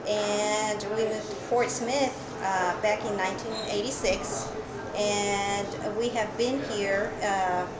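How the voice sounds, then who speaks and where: A woman's voice: medium pitch, fairly even intonation, takes it slowly. A middle-aged woman from El Salvador, a guest on a local talk show, chatting casually with many fillers and restarts. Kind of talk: casual interview chat. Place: coffee shop. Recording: echoey cafe with crowd chatter.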